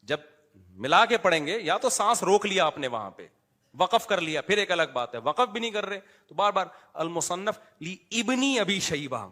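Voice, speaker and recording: A middle-aged man preaching an informal sermon, talking in a conversational way that moves between quiet asides and emphatic teaching. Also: high-pitched, big pitch swings. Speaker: Islamic preacher. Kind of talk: informal sermon with live audience address.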